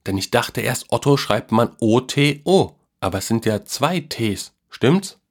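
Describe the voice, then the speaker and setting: A man voicing a curious, excited young boy who spells words out slowly. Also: mid-range voice, pitched above the performer's own voice. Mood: amazed.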